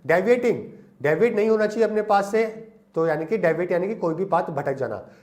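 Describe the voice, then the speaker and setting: A man's voice: high-pitched, expressive, brisk, a little mellow. A young man teaching English vocabulary in Hindi, giving memory tricks and asking questions he answers himself. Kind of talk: Hindi lesson on English words.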